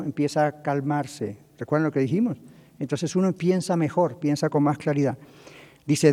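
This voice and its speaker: Higher-voiced male pastor in a reverberant hall. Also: a little mellow. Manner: keeps checking in with listeners, acts out quoted speech. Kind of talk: sermon on marriage communication.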